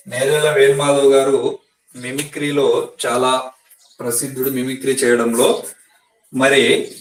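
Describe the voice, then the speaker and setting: A male teacher giving an exam-prep science lesson, explaining step by step and repeating key facts for students to memorize. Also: medium pitch. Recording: echoey room, voice from a distance.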